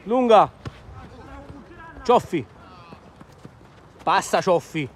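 A man's voice: sits high, animated, very slow, slight background noise. A man giving live amateur football commentary outdoors, in short clipped phrases naming the players. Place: outdoor floodlit football pitch at night.

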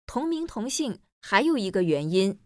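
A woman playing a teacher in a scripted textbook listening dialogue, explaining clearly and evenly. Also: medium pitch, sing-song, moderate pace, a little mellow, no echo, clean studio sound.

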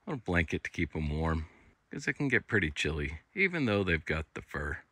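A man's voice: extremely low pitch, sing-song, a little fast, pushed and bright, breathy edge, no echo, clean studio sound. A man in his thirties giving casual, laid-back camping tips outdoors at a wooded campsite. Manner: laid-back, chatty, talks to his dog. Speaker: overlanding vlogger. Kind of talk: casual how-to vlog.

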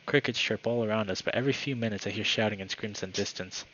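A man's voice: fairly low pitch, quick pace, sharp tone, dull audio, slight background noise. A man reading a visual novel aloud for his channel, narrating dramatically with the odd casual aside. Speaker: gaming YouTuber.

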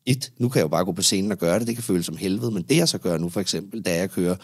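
Deep husky dude, therapist guest on a podcast, lots of restarts, dry close mic. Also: male voice, no room sound. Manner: animated, explanatory, frequent restarts. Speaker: psychotherapist guest. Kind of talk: casual podcast conversation.

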